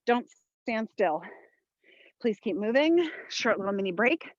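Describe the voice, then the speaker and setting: A woman's voice: on the high side, big pitch swings, measured pace, no echo, lo-fi sound. A woman leading a follow-along workout as a fitness instructor, giving motivational short commands and counts while exerting herself. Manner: exerting while talking, audible breaths and sighs.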